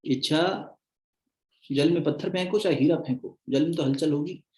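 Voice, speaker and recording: A man acting as a spiritual teacher in a conversational devotional discourse, chanting verses slowly between explanations. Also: a little high, a little mellow, echoey room.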